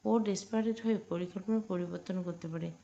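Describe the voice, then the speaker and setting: A stern, curt young boss who speaks in a dry, authoritative way, as a woman narrator voices him. The voice is gravelly, and the audio story recording sounds dull and lo-fi. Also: medium pitch, steady tone, brisk, dark tone, close to an everyday voice. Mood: commanding.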